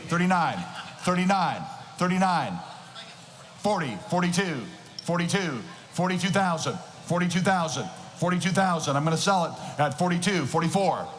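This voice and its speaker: A man working as an auctioneer, calling bids in an insistent, rhythmic chant of repeated numbers and filler phrases. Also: a little high. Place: large auction hall. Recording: echoing hall PA with noisy ambience.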